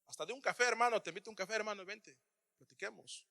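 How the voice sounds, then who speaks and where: A man preaching a sermon to his congregation, often calling them brother and swinging between loud cries and hushed asides. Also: sits high, racing, in a large hall. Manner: addresses listeners as "hermano", swings from loud to hushed.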